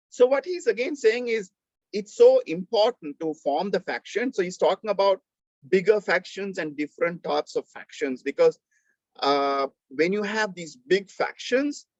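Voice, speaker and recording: A fairly high-pitched male lecturer with a Sri Lankan accent teaches an online class. He explains emphatically but haltingly, often repeating phrases. The sound is slightly dull, as on a video call. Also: dry recording. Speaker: university lecturer.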